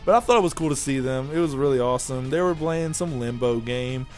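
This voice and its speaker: A man's voice: medium pitch, expressive, a little fast, faint music behind. Chatty young guy reviewing anime. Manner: rambling, offhand, chatty with fillers. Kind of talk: casual video review.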